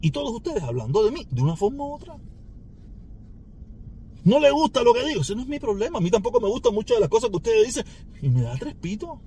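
Taunting Cuban man, lively high voice. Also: fast talker, slight background noise. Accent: Cuban Spanish. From Cuba. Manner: taunting, sarcastic, with mocking laughs. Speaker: podcast host. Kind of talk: mocking rant to a rival.

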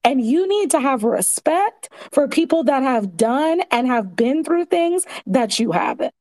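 A woman in her forties with a high, bright-pitched voice talks in a casual live audio chat. She is earnest and methodical, walking through her points one at a time. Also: very animated, unhurried. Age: 40s. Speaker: guest commentator.

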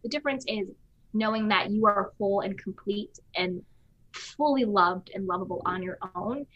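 A woman's voice: medium pitch, moderate pace, fairly bright tone, dry recording. A woman hosting a podcast in casual conversation, talking emphatically and acting out the voices she quotes. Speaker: podcast host. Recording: slightly dull lo-fi sound.

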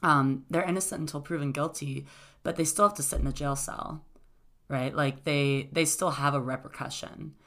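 A woman's voice: low voice, fairly even intonation, moderate pace, a bit bright. A woman in casual debate, laying out events step by step with frequent "uh" and "um.". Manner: explanatory, methodical, many "uh" and "um" fillers.

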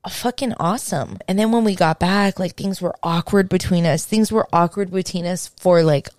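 A woman's voice: on the low side, normal speed, darkish tone, dry recording. A woman hosting a podcast, chatting casually and candidly and swearing now and then. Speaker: podcast host. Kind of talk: casual conversational chat.

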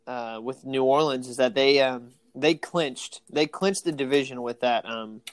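A man co-hosting a casual sports podcast, excitable and laughing often, tired from an early morning. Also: medium pitch, unhurried. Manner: excitable, laughs often, acts out quoted exchanges. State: tired, yawning. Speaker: podcast co-host.

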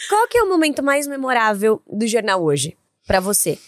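A young adult woman hosting a casual interview, chatty and quick with short affirmations. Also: on the high side, very animated, no echo, studio quality. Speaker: interview host.

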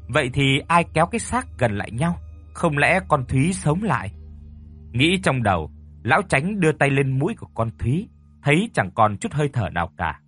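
A man narrating a ghost story in a dramatic, lively storytelling manner. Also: medium pitch, breathy edge.

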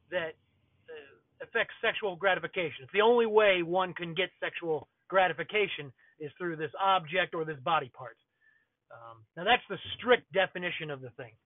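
A man's voice: high-pitched, dry recording. A man hosting a podcast alone in a casual, unscripted, explanatory way, recorded inside a car over its built-in Bluetooth microphone with a tinny sound. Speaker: podcast host.

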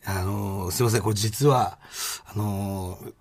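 A man co-hosting a casual comedy podcast, his voice hoarse and worn out from shouting, rambling with many fillers. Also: lowish voice, fairly even intonation, measured pace. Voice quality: husky. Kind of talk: casual chat.

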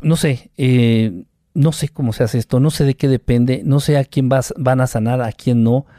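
A man's voice: medium pitch, normal speed, no echo, clean studio sound. A man from Mexico with a Mexican Spanish accent, a guest telling his own experiences in a casual interview, acting out quoted lines and adding sound effects. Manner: animated storyteller who acts out quotes with sound effects. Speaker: guest, UFO contactee.

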